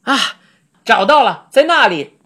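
女声扮演的贪吃大嗓门的中年父亲. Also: female voice, fairly low pitch, animated, moderate pace, slight background noise, close to an everyday voice. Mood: excited. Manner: loud, boisterous, careless. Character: greedy hearty middle-aged father.

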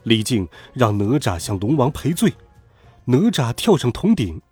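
A man telling a classic myth as scripted storybook narration, dramatic and expressive. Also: mid-range voice, moderate pace, husky, dry recording, soft background music.

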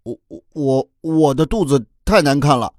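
A man's voice: fairly high pitch, moderate pace, darkish tone, no room sound, clean studio sound, voice pushed up, natural voice. A man voicing a shy young boy who stammers with embarrassment in a children's audio story. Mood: bashful.

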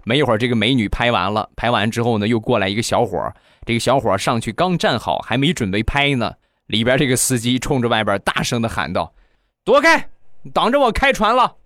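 A young comedy podcast host tells funny anecdotes, acting out the voices of the people in them with lively energy. His mid-range voice moves fast. The studio-quality recording has no room sound.

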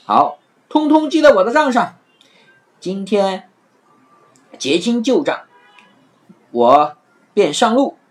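This is a sly, playful trickster man from a children's storybook, calling out loud and bright. His voice leaps high above a plain speaking voice and swings widely up and down. A woman reading the story acts him out. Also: huge pitch swings, moderate pace. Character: clever witty trickster man, teasing.

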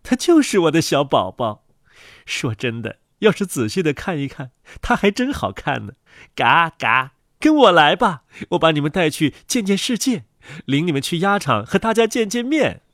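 A bustling, proud mother duck fusses over her brood in a high, lively voice, as a man puts her on. She sounds bossy and doting at once, with a dry, close storybook sound. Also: normal speed, no room sound.

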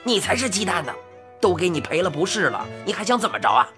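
A woman voicing a quick-tempered old man who scolds indignantly, in a storybook reading. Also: medium pitch, lively intonation, music in the background, natural voice.

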